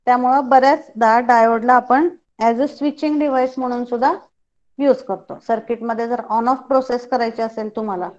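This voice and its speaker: Woman lecturer, measured and slow overall, checks the class often; muffled low-fi sound. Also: darkish tone. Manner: switches between quick Marathi and slow, spaced-out English; quizzes students with short questions. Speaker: teacher.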